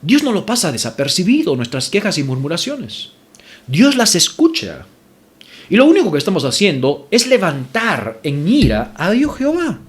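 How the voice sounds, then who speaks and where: Lively, emphatic male preacher. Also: high voice, normal speed. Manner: emphatic preaching, repeats scripture references, rises sharply when indignant; addresses congregation as brothers. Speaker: pastor. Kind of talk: sermon.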